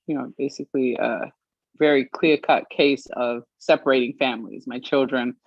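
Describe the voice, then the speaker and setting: A woman from Australia giving an earnest personal account as an interview guest, pausing often with fillers. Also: rumbling low, steady tone, vocal fry, husky, dry recording. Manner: earnest, measured, with frequent pauses and fillers. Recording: dry, slightly muffled stream audio.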